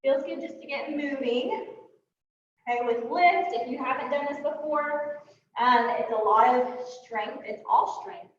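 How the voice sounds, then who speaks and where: A high-voiced woman fitness instructor calls out upbeat workout cues as she moves through the exercises, a little winded, dropping in fillers between moves. She stands away from the mic in a strongly echoing studio, and the sound is dull with a faint hiss. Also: a little slow. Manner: upbeat cueing with frequent "um" fillers; talks while moving and exercising. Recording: echoey room, distant mic, dull sound.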